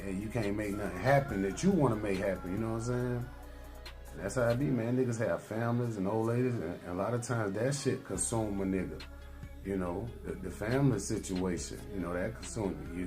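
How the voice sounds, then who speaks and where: Low-voiced man giving emphatic street advice. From United States. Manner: emphatic, peppers talk with "man" and "you know what I'm saying"; laughs between points. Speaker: vlogger. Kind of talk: casual motivational monologue. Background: music.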